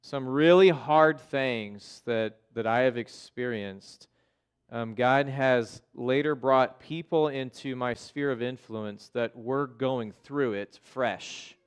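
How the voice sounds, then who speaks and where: An American pastor delivers a conversational sermon to his congregation in a church sanctuary, his mid-range voice clean and unhurried. He keeps it informal and often checks in with listeners, tossing out "okay?" and "right?"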